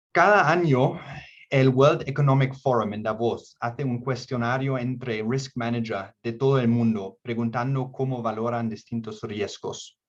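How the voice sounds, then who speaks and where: A man from Germany speaking non-native Spanish with a German accent and small slips, presenting an online workshop. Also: medium pitch. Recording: dull, band-limited online call audio.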